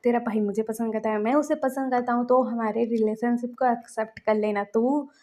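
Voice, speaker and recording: A woman's voice: a little high, fairly even intonation, a little fast, a little mellow, lightly acted. A woman voicing an earnest lovestruck young man who pleads and protests in casual slang. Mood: earnest, protesting.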